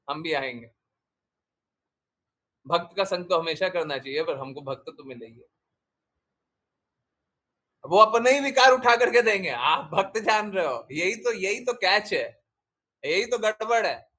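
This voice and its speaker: A man's voice: high voice, expressive, a little slow, pauses often, fairly bright tone. A man, a spiritual teacher, giving a devotional talk and answering questions, emphatic, repeating phrases and asking rhetorical questions.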